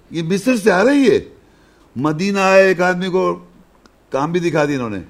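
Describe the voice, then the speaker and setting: Working through scripture one verse at a time, a religious teacher explains in a conversational way, raising questions and then answering them. His voice is fairly high and creaky. Occasionally he slows to chant a verse.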